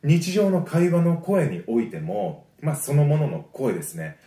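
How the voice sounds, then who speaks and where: A man teaching a voice lesson. He gives friendly, encouraging explanations and breaks them up with sustained low sung vowels. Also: very animated, moderate pace, warm tone. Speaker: voice trainer. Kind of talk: vocal lesson. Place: home. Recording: roomy echo.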